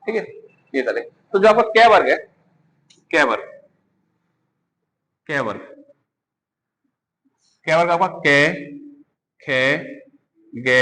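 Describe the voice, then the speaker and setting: Male teacher, high voice, quizzes and repeats in a reverberant hall. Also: a bit bright. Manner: quizzing students, repeating answers. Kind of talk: classroom lecture.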